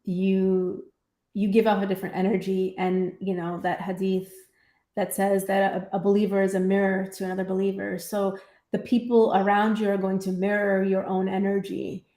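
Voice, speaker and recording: A woman's voice: mid-range voice, level tone, moderate pace, mellow. Earnest woman teaching in an echoey room. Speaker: teacher and co-host of a live faith-based discussion. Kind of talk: conversational teaching, live online talk. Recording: echoey room on live stream.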